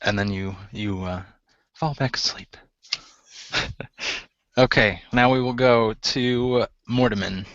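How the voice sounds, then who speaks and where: A man with a mid-range voice running a tabletop game, narrating scenes with frequent chuckles and halting fillers. The sound is dry and muffled, with no room around it. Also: mid-range voice, a bit bright, dry recording. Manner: laughs often, hesitant with fillers. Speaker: game master.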